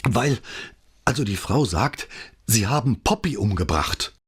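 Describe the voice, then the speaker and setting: A man's voice: on the low side, expressive, a little slow, breathy edge, voice pushed up, heavily acted. A man voicing a flustered, out-of-breath police sergeant who stammers out an urgent report. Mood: breathless.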